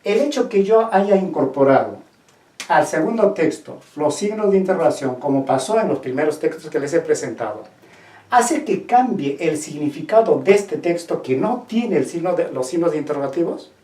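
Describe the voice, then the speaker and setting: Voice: medium pitch, expressive, moderate pace, mellow. A teacher giving a language lesson, asking the class questions and repeating the key points. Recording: roomy echo.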